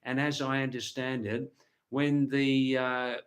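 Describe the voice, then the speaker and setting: A man's voice: medium pitch, flat delivery, slow pace. A man hosting a casual livestream, chatting to viewers in a rambling way and repeating words and phrases for emphasis. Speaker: livestream host.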